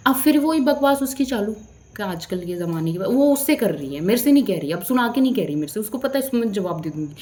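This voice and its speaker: A young woman recounts a run-in in a storytime vlog, talking in a heated, indignant rant. Her voice sits at an ordinary middle pitch for a woman. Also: animated, quick pace, dark tone. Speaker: vlogger.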